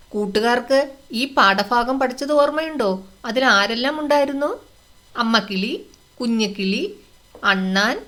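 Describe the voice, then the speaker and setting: A woman's voice: on the high side, fairly bright tone. A woman teaching a first-grade lesson, asking the children questions in a sing-song way and acting out the animals' lines.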